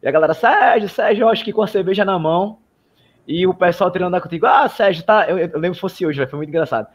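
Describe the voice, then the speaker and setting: Higher-pitched Brazilian Portuguese man telling anecdotes. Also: racing. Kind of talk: casual chat.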